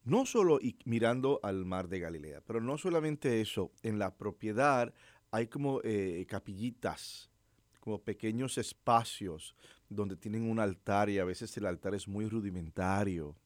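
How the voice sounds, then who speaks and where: Man giving a lively Sunday homily. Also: fairly low pitch, dry recording, studio quality. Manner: unhurried, reflective preaching with frequent fillers and rhetorical questions. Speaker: priest.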